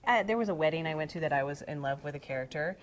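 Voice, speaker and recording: A woman's voice: sits low, lively intonation, very fast, slight background noise. A woman in her thirties, an actress, chatting casually and giggling as she gives a tour backstage at a television studio. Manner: chatty and giggly, with playful asides. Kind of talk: casual guided tour chat. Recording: slightly dull web video audio.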